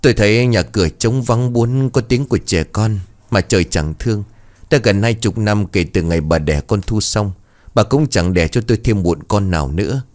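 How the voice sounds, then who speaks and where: Guy doing a sly lecherous landlord, low voice, soft coaxing talk. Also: moderate pace, natural voice. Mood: hesitant. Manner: soft, coaxing, then hesitant. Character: scheming middle-aged male landlord, smooth-talking and lecherous.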